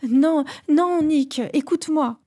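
A woman's voice: medium pitch, steady tone, moderate pace, mellow, close to an everyday voice. Woman voicing a frantic, pleading young woman.

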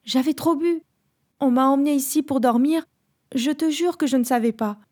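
A woman's voice: mid-range voice, fairly even intonation, normal speed, warm tone, lightly acted. Woman voicing a frantic, pleading young woman.

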